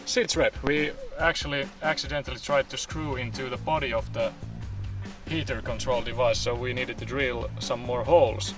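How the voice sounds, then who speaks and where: A man's voice: mid-range voice, steady tone, normal speed, over music. A man with a Finnish accent, a native Finnish speaker, talking in an informal, offhand vlog style with the odd swear word. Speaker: car hobbyist video host. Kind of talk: casual vlog talk. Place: in a car on a parking lot.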